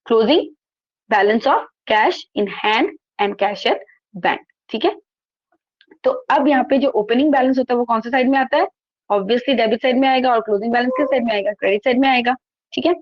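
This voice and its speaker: Here a woman's voice sits high as she leads an online accountancy class, reading the textbook aloud and unpacking every point while asking and answering her own questions. The laptop-mic recording is dry and lo-fi.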